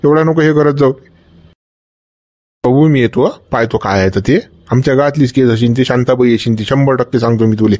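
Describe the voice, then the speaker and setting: A rustic older village uncle, played by a man, talking in a coaxing, chatty way. His voice is mellow and dark at a middling pitch. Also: a little fast, close to an everyday voice. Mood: chiding. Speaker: village elder visiting hospital. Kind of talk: village comedy sketch acting.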